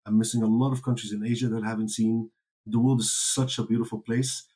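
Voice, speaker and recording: Answering questions as an interview guest, a native Dutch speaker talks casually with a medium-pitched, level, dark-toned voice at a quick pace. He rambles, restarts often, fills pauses, and laughs readily.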